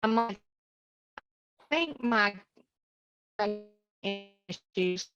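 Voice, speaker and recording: A woman speaking over a bad internet call connection, her audio choppy and cutting out, with halting, broken-off phrases. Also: mid-range voice, expressive, a bit bright, soft background music. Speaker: webinar participant. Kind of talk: remote call remarks. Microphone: laptop microphone. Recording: muffled lo-fi call audio from far off.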